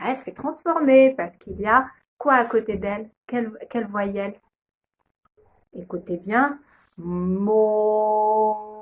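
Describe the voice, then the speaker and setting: Speaking in a slightly high, somewhat mellow voice, a young woman who teaches kindergarten works through a phonics video. She takes her time, patiently breaking letters and syllables into sounds.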